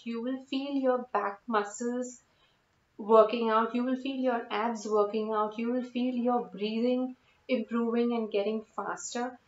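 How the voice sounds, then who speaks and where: A woman's voice: a little high, a little mellow. Young female yoga teacher for step-by-step instruction; methodical delivery, slightly dull recording in a reverberant room. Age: young adult. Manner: methodical, explanatory, repeats key cautions. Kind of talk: spoken instructional demonstration. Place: indoor room at home, seated on floor.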